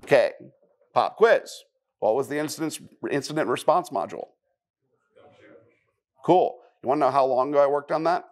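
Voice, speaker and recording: Man, conference speaker, casual and wry, mid-pitched voice, quizzes the room. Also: expressive, moderate pace, pauses often. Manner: conversational, asks the audience questions, wry asides. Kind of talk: live technical conference talk. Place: conference room before a live audience.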